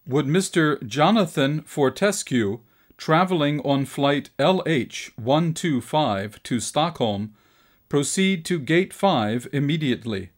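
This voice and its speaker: A man reading numbered airport announcements for a listening exercise, in a formal, clear way. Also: fairly high pitch, expressive, takes it slowly.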